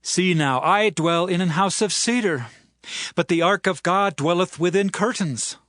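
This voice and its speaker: A man's voice: sits high, a little slow, fairly bright tone, dry recording, clean studio sound. King David, earnest and fervent. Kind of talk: dramatized scripture reading.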